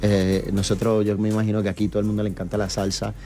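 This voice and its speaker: A man from New York, a reggaeton artist chatting as a guest in a relaxed interview, with lots of fillers and tag questions. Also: fairly low pitch, fast talker, soft background music. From New York, USA. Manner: animated storyteller, many fillers and tag questions. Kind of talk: casual interview chat.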